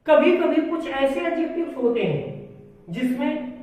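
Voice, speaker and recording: A man's voice: extremely high pitch, expressive, a little slow, a little mellow. A man teaching an English grammar lesson, drawing out the words as he writes them on the board and answering his own questions. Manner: asks questions, then answers them himself. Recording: echoey hall, mic far off.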